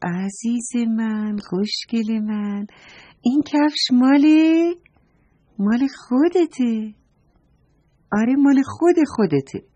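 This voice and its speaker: A woman voicing a gentle, loving mother in a children's story, speaking tenderly and reassuringly. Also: mid-range voice, very animated, breathy edge. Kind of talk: storybook read-aloud.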